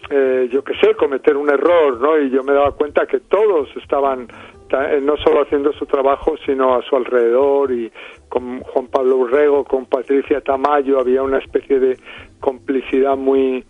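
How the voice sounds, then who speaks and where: A middle-aged man from Spain with a Spain Spanish accent reflects on his film in a radio interview. He talks at a mid pitch, pausing and restarting as he thinks. His voice arrives dry and narrow, like a telephone line. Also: little pitch movement, no room sound. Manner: thoughtful, frequent hesitations and restarts. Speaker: film director guest. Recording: dry, tinny phone line.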